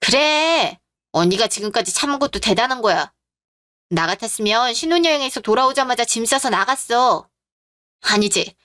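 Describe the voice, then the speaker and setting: A woman's voice: fairly high pitch, lively intonation, moderate pace, fairly bright tone, no echo. A woman voicing a blunt younger companion who urges the heroine to stand up for herself. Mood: urging. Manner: blunt, urging. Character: protective younger sister-in-law, blunt. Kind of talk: radio drama reading.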